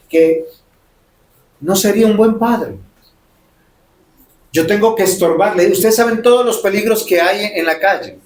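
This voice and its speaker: A man's voice: on the high side, slight background noise. A man preaching a sermon as pastor, emphatic and full of rhetorical questions. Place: church sanctuary. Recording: roomy church echo.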